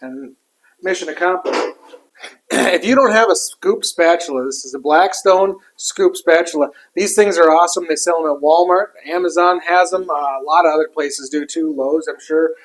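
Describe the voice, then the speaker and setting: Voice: medium pitch, moderate pace, rough recording. A cook giving a casual, chatty cooking demonstration while working a griddle, with food sizzling and utensils clinking behind.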